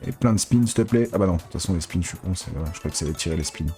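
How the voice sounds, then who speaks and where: A man giving excitable, casual live commentary as a casino streamer, pleading with the reels and swearing. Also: deep voice, rapid-fire, soft background music.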